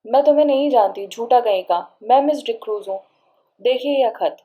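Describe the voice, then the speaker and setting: A sharp-tongued young woman who scolds loudly, as a woman reader voices her. The voice sits fairly high. The recording is dull and lo-fi. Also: moderate pace, close to an everyday voice. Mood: scolding. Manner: loud, scolding.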